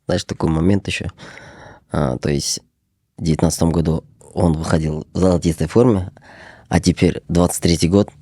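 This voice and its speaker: Man, very low pitch, casual sports chat, rambling, repetitive, dry close sound. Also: fairly even intonation, normal speed, dark tone, dry recording.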